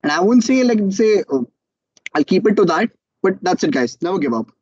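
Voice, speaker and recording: A young man with an Indian English accent gives a motivational talk about starting out. His voice sits high and he tells the story with animated energy, slipping into other people's voices. The sound is dry and a little dull. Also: brisk, breathy edge, no room sound. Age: young adult. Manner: animated storytelling, acts out quotes. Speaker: student entrepreneur speaker.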